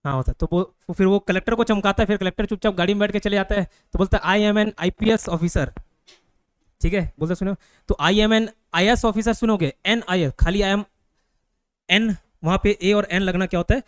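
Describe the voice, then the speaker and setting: High-voiced male teacher quizzing students. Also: fairly even intonation, clear, resonant tone, no room sound. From India. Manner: keeps checking understanding with quick questions to students. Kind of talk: classroom grammar lecture. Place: classroom with students.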